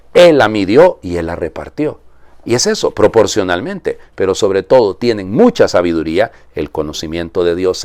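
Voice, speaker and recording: A man's voice: low voice, a little mellow, dry recording. A man, a priest reading the Gospel and preaching in a chatty homily with frequent rhetorical questions. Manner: conversational, asks rhetorical tag questions.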